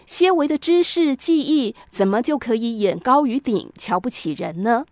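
A woman's voice: a little high, animated, moderate pace, dry recording, clean studio sound. Woman telling a moral story. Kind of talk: scripted storytelling narration.

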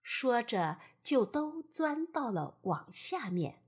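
A woman narrating bedtime stories slowly and gently. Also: a little high, sing-song, husky. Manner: slow and gentle. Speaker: storyteller.

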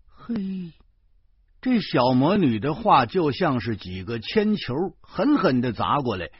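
Slow, lively Beijing-accented male narrator. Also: medium pitch, husky, no echo. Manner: animated, acts out dialogue. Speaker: audiobook narrator. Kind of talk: first-person novel reading. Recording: dry dull lo-fi recording.

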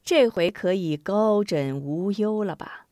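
A woman's voice: medium pitch, slow pace, mellow, no room sound, clean studio sound, lightly acted. Brief: smug, gloating male schemer, storybook villain, as a woman narrator puts him on. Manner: gloating, sly chuckle. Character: smug scheming male army adviser, cowardly.

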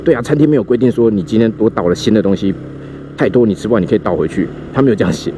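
Lively fast-talking Taiwanese man. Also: lowish voice. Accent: Taiwanese Mandarin. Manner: animated, acts out quoted voices. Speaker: podcast host. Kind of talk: casual storytelling while riding a scooter. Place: outdoors on a motorbike in city traffic. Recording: faint street and vehicle noise.

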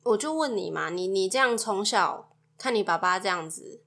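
Woman cohost, bright voice, pokes at him with questions. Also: mid-range voice, animated, moderate pace, creaky. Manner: probing, teasing questions. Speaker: podcast co-host. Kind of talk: casual chat.

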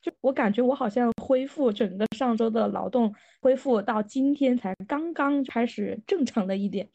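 Hoarse raspy girl chatting on a podcast, kinda high voice, dull lo-fi audio. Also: normal speed, dark tone. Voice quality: raspy when laughing. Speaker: podcast co-host. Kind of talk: casual chat.

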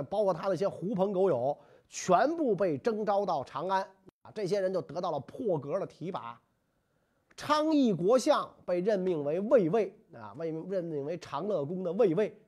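A history storyteller who chats through the tale with jokey asides and lots of movement in the voice. The delivery is relaxed and conversational. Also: mid-range voice. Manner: lively, joking asides. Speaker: storyteller host.

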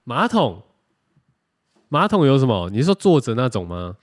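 Guy rambling on a podcast, animated, keeps restarting his sentences. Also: mid-range voice, normal speed. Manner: rambling, animated, self-correcting. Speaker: podcast co-host. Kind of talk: casual chat.

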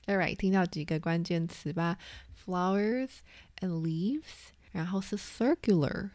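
Slow, mellow-voiced woman teaching vocabulary. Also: on the low side, dry recording. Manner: spells words letter by letter, repeats terms. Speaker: English teacher. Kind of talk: vocabulary lesson.

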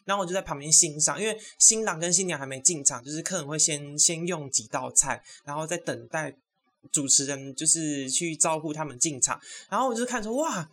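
A young woman, hosting a podcast and telling a story in an animated, gossipy way with loud exclamations. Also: low-pitched, brisk. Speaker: podcast host. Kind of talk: casual solo storytelling.

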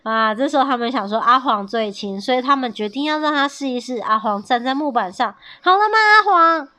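A woman reading a picture book aloud to a child, lively and animated, adding sound effects. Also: a little high, brisk. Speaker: storyteller.

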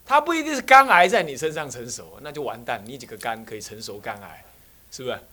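Animated Taiwanese-accented male Buddhist teacher. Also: medium pitch, quick pace. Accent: Taiwanese Mandarin. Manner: storytelling, asks many rhetorical questions. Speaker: Buddhist abbot teaching a class. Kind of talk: sermon lecture to a class. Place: teaching room with students.

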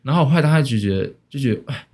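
A young man with a Taiwanese Mandarin accent, co-hosting a casual podcast chat, rambling with many restarts and quick laughs. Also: mid-range voice, animated, a little mellow, husky. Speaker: podcast co-host.

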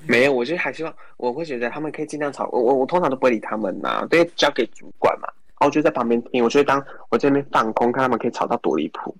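A man with a Taiwanese accent chatting casually as a care worker, telling colloquial anecdotes in an animated way. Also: medium pitch, rapid-fire, vocal fry, hardly any pauses. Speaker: care facility worker telling work stories.

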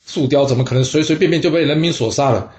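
Guy putting on an angry young prince, yelling high and loud, echoey room. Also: quick pace, close to an everyday voice. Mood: furious. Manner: shouting angrily, raised pitch. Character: furious young male prince, accusing. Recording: roomy echo.

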